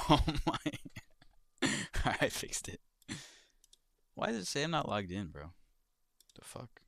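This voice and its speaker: A man's voice: medium pitch, big pitch swings, slow pace, vocal fry, a bit bright, no echo, clean studio sound. A young man chatting casually on a livestream, swearing freely and reading out viewer questions as he goes. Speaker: livestreamer and crypto trader.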